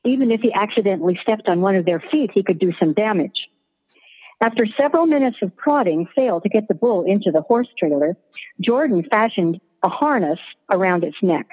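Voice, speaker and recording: A woman narrating a scripted story in an even, descriptive way, over a tinny line with long reverb. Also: mid-range voice, brisk, slightly rough.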